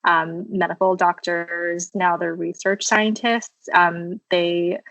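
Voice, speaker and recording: A woman in her thirties from the Washington, D.C. area, telling her story as a podcast guest at home, thoughtful and casual with frequent ums and soft laughs. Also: lowish voice, flat delivery, slow, vocal fry, no room sound, rough recording. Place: her childhood bedroom at home.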